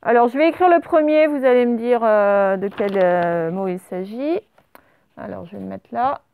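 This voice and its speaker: A woman teaching a spelling lesson, dictating words slowly and spelling them out letter by letter and syllable by syllable. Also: fairly high pitch, animated, vocal fry, clean tone, phone-quality sound. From France. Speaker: primary school teacher.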